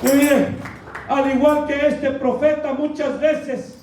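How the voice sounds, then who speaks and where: A man's voice: very high voice, steady tone, takes it slowly, a little mellow, distant mic, soft background music, some chatter behind. A male Pentecostal pastor preaching a fervent sermon, often calling out to the congregation as brothers and crying hallelujah. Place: church. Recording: echoey hall miked from afar, faint noise.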